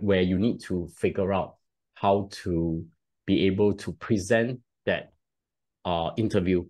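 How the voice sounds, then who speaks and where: On a headset video call from a room at home, a man in his thirties with a Singaporean accent explains things at length as a podcast guest. His voice is on the low side and a little mellow. The talk is casual interview conversation, with frequent restarts and "right?" added on.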